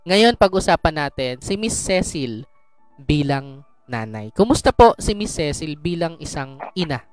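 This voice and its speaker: A man's voice: a little high, big pitch swings, a little slow, dry recording, soft background music. A man hosting an interview, summing up the guest's story and asking follow-up questions. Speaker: interview host. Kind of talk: interview talk.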